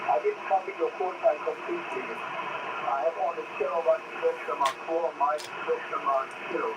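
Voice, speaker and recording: A man, a ham radio operator heard over a shortwave radio link through static, slowly repeating and spelling out call signs. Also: fairly high pitch, fairly even intonation. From El Salvador. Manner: repeats words slowly and carefully. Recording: muffled static-heavy shortwave reception.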